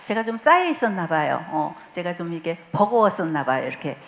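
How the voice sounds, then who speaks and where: A woman leading a spiritual retreat, telling stories in a warm, chatty way with frequent fillers and occasional laughter. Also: lowish voice, animated, fairly quick. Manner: warm storytelling, acts out quoted dialogue, frequent fillers; laughs often while speaking. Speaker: lay mission president leading a retreat talk.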